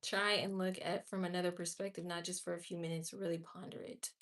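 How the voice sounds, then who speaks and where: A livestream host in her late twenties chats candidly and with strong opinions, directly answering her viewers' comments. Her voice is on the low side, a bit bright and brisk, with little pitch movement.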